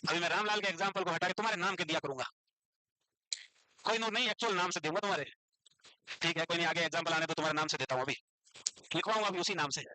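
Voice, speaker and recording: A man with an Indian accent teaching a nursing class online, dictating English definitions slowly and quizzing his students. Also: on the high side, bright, forceful tone, dry recording, rough recording. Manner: teasing, scolds students playfully.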